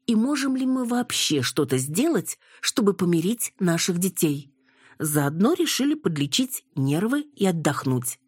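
A woman voicing a sharp-tongued, nervous older mother with a tart, sardonic way of talking. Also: fairly low pitch, very animated, a little slow, slightly rough, no room sound, clean studio sound, pitched above the performer's own voice, full character voice.

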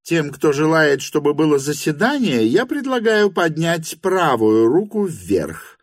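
A man doing a shrill, bossy hostess. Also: sing-song, unhurried, no room sound, studio quality. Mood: insistent. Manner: commanding, shrill and indignant. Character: bossy middle-aged hostess, insistent and suspicious. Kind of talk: audiobook reading.

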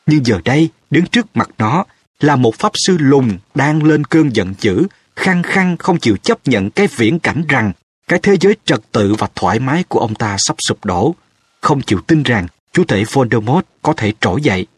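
A male audiobook narrator with a husky voice and a steady, even storytelling manner. The recording is dry and close. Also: mid-range voice, normal speed, no room sound. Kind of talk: scripted narration.

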